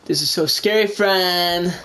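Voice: medium pitch, animated, a little fast, vocal fry. A gamer in casual co-op banter, crude and swearing constantly. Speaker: gamer playing co-op. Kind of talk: casual let's-play banter.

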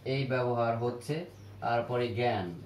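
A man teaching a grammar lesson at a board, repeating each word slowly to drill how it is pronounced. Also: mid-range voice, fairly even intonation, a little mellow. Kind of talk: classroom grammar lesson at a whiteboard. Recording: echoey room with faint ambient noise.

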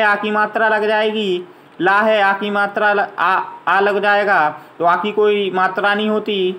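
A man's voice: high voice, sharp tone, low-quality recording. A man teaching a grammar lesson to young children, patiently spelling out letters and vowel signs one at a time.

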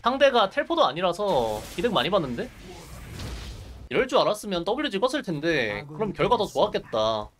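A man's voice: high-pitched, very animated, brisk, fairly bright tone, a little hiss or hum. A man livestreaming casual gameplay commentary, reacting in short muttered exclamations and asides into a close mic.

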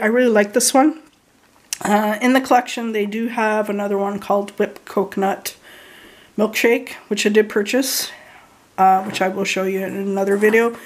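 A woman talks through her shopping haul at a slow, unhurried pace, stopping often for ums and fresh starts. Her voice sits at an ordinary middle pitch, and she keeps clearing her throat between items. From Canada. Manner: halting, many ums and restarts, frequent throat clearing. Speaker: beauty haul vlogger. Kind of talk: casual product haul talk.

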